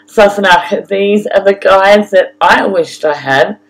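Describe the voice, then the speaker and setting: A woman with an Australian accent reading a scripted audio-guide narration in a deliberate way, addressing the listener directly. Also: medium pitch, poor audio. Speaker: photographer and travel guide narrator.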